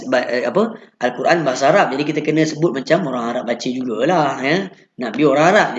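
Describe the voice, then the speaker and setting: A man's voice: fairly high pitch, roomy sound, lo-fi sound. A man with a Malaysian Malay accent teaching Quran recitation in a live lesson, patiently explaining and then chanting each sound as an example.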